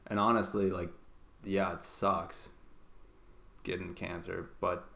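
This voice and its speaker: A young man co-hosting a podcast in casual, rambling chat, swearing freely and filling every pause with "like". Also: deep voice, little pitch movement, vocal fry, a bit bright. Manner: swearing, filler-heavy, rambling. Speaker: podcast co-host.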